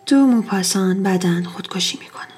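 Woman telling spooky stories soft and hushed, music faint underneath. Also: medium pitch, husky. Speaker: narrator. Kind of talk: storytelling narration.

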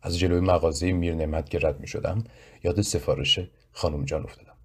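A man narrating a story in a slow, measured, reflective way, with a husky voice. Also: deep voice, fairly even intonation. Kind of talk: audiobook narration.

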